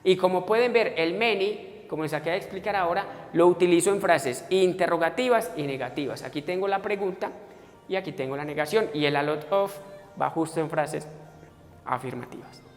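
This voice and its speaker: Speaking briskly with a voice on the high side, a male English teacher works through grammar one step at a time in a recorded class. He addresses everyone warmly as "muchachos," poses their questions himself, and his voice carries a long room echo over soft, faint music.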